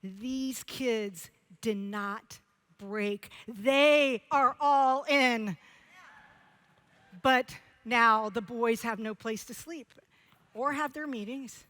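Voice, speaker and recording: A woman giving a stage speech, telling a story slowly, with dramatic pauses. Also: on the high side, sharp tone, dry recording. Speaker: keynote speaker.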